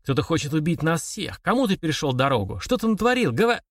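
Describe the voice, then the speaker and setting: A man voicing a distraught, grieving young man who speaks in a shrill, choked, accusing way. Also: animated, brisk, no echo, studio quality.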